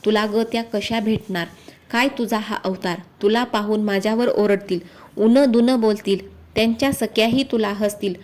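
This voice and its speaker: A woman voicing a dutiful, cautious palace maid in a folk tale, asking quick questions. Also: medium pitch, steady tone, darkish tone, lightly acted. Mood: anxious.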